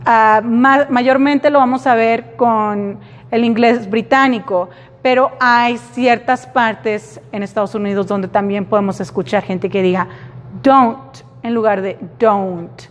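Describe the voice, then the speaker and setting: A woman teaching an English class slowly, repeating example words for her students. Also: fairly high pitch, fairly even intonation. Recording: reverberant classroom.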